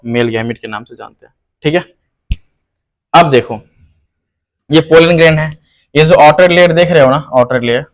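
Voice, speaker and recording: A man teaching a biology lesson online, who asks his students questions and then answers them himself, repeating the key terms. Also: medium pitch. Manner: calls the viewer "hero". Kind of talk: online lecture.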